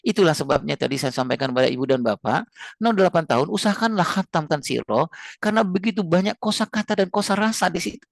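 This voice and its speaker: Gravelly-voiced man giving a parenting talk. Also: animated, fast, no echo, studio quality. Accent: Indonesian. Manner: earnest, explains with repeated phrases, rises high when stressing points. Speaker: parenting speaker. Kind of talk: lecture to parents and teachers.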